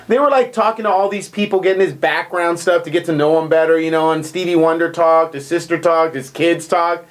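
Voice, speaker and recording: A man co-hosting a casual recap chat, animated and jokey. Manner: animated, jokey, big pitch swings. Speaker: co-host.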